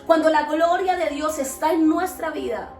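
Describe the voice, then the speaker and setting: A woman's voice: high voice, normal speed, darkish tone. A woman, hosting a podcast and preaching Bible lessons in an earnest, exhorting way full of rhetorical questions. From Colombia. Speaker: podcast host teaching Bible principles. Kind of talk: preaching talk. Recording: echoey, distant mic, faint music behind.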